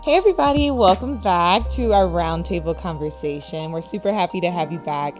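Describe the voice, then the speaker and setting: Upbeat woman hosting, low for a woman. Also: brisk, a little mellow, faint music behind. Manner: upbeat, laughs often. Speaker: host. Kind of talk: casual interview.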